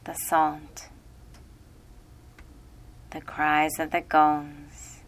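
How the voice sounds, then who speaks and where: Slow, low-voiced woman guiding relaxation. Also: completely flat delivery. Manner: slow, soothing, hushed. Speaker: meditation guide. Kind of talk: guided relaxation script.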